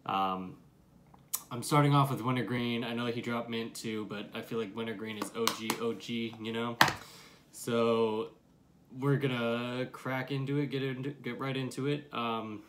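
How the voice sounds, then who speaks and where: A man's voice: mid-range voice, steady tone, a little slow, noisy background. A young adult man giving a casual product review to camera, with slangy talk and plenty of swearing. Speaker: dip review vlogger. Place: small room at home, curtain behind.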